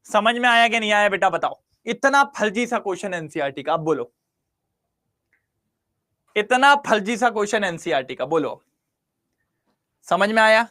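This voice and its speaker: A man's voice: high voice, lively intonation, moderate pace, pauses often, bright, forceful tone. A man teaching chemistry in an online class, constantly quizzing his students and coaxing them to answer.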